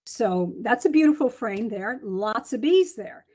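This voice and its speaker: A woman's voice: fairly high pitch, lively intonation, a little slow, darkish tone. A middle-aged woman giving a chatty slide lecture from home over a webcam, with many ums and restarts. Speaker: beekeeping speaker. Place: home room, indoors. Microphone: webcam on a video call.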